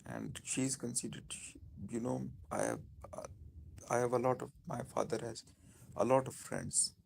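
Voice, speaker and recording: A man with a Pakistani accent speaking informally on a live stream, in halting, repetitive phrases. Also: medium pitch, creaky, slight background noise.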